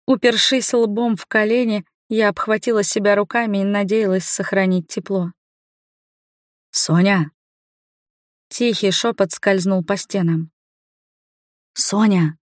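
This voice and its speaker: A woman narrates a first-person fantasy audiobook at a mid pitch, building tension and suspense as she reads. The recording is dry and close, with no room sound behind her. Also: no echo. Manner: tense, suspenseful storytelling. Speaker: audiobook reader.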